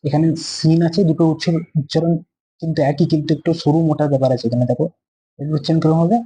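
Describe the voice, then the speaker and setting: Male tutor, patient, repetitive drilling, mellow tone, light hiss. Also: fairly high pitch, steady tone, poor audio. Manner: patient, repeats each letter slowly; asks questions and answers them himself. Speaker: Quran teacher. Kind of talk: beginner Arabic letter lesson.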